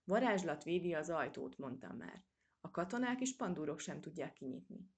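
A woman's voice: sits low, very animated, a little mellow. A woman voicing a loyal young male mouse friend who speaks earnestly and matter-of-factly.

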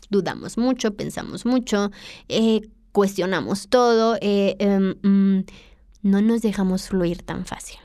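A woman's voice: mid-range voice, dark tone, dry recording, studio quality. A woman with a Mexican accent hosting a podcast, talking candidly and confessionally straight to the listener in a reflective monologue. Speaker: podcast host.

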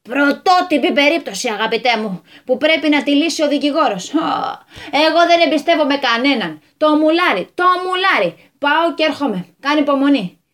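A woman's voice: high voice, animated, a bit bright. A woman voicing a hot-tempered, bossy male landowner who talks in a flustered rush in a radio story. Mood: fretful bossy.

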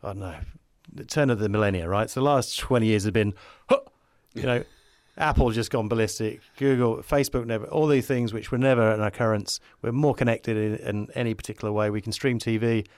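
A man's voice: on the low side, brisk, hardly any pauses, darkish tone, no room sound, studio quality. A man chatting casually as a podcast guest, enthusiastic and optimistic in a rambling, musing way. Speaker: podcast guest, advertising creative. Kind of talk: casual conversational interview.

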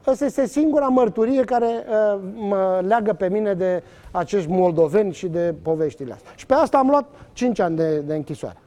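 A man's voice: high voice, few pauses. A man, speaking as an interview guest, telling his story emphatically with many fillers and restarts. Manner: animated, many fillers and restarts, acts out quoted exchanges.

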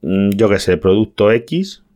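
Deep-voiced waiter telling anecdotes. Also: male voice, measured pace. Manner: animated storytelling with sound effects. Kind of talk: casual anecdote to viewers.

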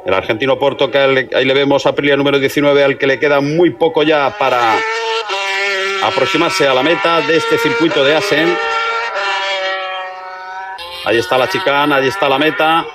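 A man's voice: mid-range voice, fairly even intonation, moderate pace, long pauses. Man, motorsport commentator, live race call, distant sound, heavy engine noise. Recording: distant, very noisy broadcast with engines. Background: vehicle noise.

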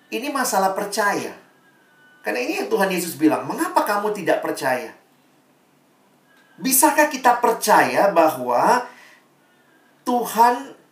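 Man preaching in a roomy hall. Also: a little high. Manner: animated storytelling, acts out quoted voices. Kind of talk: casual sermon. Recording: roomy sound from a distant mic.

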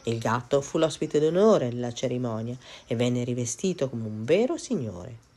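A woman reads a children's fairy tale aloud with a notably low voice. Her storytelling is expressive and measured, shaping each scene with care. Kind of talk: storybook narration.

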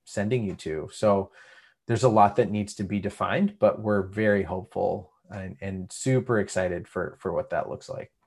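A man's voice: deep voice, moderate pace, darkish tone, husky. A man co-hosting a podcast, talking reflectively and hesitantly over a remote call. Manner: reflective, hesitant, many fillers and restarts. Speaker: podcast co-host. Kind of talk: casual podcast chat. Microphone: remote call recording.

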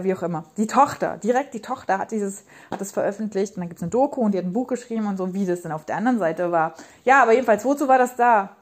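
Passionate rambling woman podcaster. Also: mid-range voice. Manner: passionate, rambling, animated with emphatic repetitions. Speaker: podcast host and parenting coach. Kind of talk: casual monologue podcast. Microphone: podcast microphone.

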